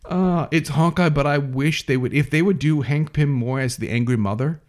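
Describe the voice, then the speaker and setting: A man's voice: a little high, normal speed. A man co-hosting a podcast in casual chat, recapping a story with a dry, sarcastic edge. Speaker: podcast co-host.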